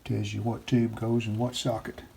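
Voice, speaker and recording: Working on a radio repair, a hobbyist restorer thinks aloud in short phrases, offering casual, unscripted commentary for his video. He has a fairly low, slightly mellow voice with a flat delivery and moderate pace, and the home-video recording is clearly noisy.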